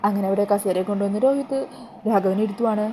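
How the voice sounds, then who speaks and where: A woman rattles through a serial episode recap in a brisk, chatty way. Her voice is dark and mellow and she talks very fast. Faint noise runs underneath. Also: mid-range voice, poor audio. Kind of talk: casual storytelling recap of a TV serial.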